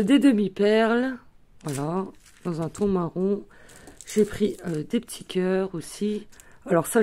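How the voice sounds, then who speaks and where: A warm, mid-range female voice leads a craft tutorial in a casual, chatty way. As she shows off and handles her materials, she keeps up the talk with plenty of small fillers, especially "euh" and "voilà."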